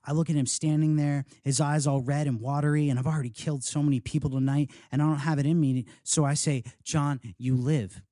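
A man reading aloud from his memoir at a live reading, in an earnest, measured and rhythmic way. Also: a little high, little pitch movement, mellow, dry recording, studio quality. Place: house reading event, indoors.

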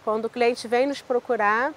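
Brazilian woman in her 30s, rio accent, chatty interview on a lapel mic, kinda high voice. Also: steady tone, normal speed, slight background noise. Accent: Brazilian Portuguese, Rio de Janeiro state. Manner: warm, conversational, frequent tag questions. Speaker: buffet owner. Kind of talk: interview answers. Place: outdoor terrace seating area.

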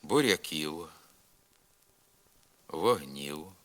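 A man reading words one by one in a slow, deliberate pronunciation drill, crisp and careful, from an old vinyl record. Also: rumbling low, lively intonation. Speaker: pronunciation instructor. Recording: vinyl record from 1992, long reverb.

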